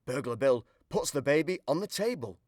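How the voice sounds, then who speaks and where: A man reading a children's picture book aloud in an expressive storytelling voice. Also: a little high, moderate pace, no room sound, studio quality. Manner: expressive, sing-song storytelling.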